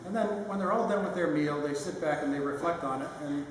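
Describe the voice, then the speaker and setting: An older man giving a sentimental, lightly humorous father of the bride speech, halting with pauses mid-phrase. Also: on the high side. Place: large reverberant room at a wedding reception. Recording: echoey hall, distant mic, noisy room.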